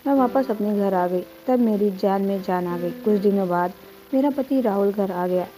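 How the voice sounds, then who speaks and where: A woman's voice: medium pitch, normal speed, warm tone, soft background music, rough recording. A woman narrating an emotional first-person story in an earnest way, and hosting her story channel.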